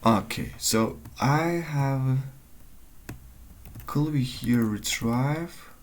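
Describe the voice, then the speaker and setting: A man's voice: medium pitch, drawn-out words, a little hiss or hum. A man in a coding walkthrough, thinking aloud and searching for words, often trailing off mid-sentence. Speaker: tutorial maker.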